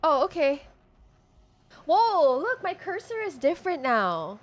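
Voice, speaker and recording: A woman's voice: sits high, sing-song, takes it slowly. A woman giving casual commentary on a video game and reading its text aloud as a streamer. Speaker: gaming streamer.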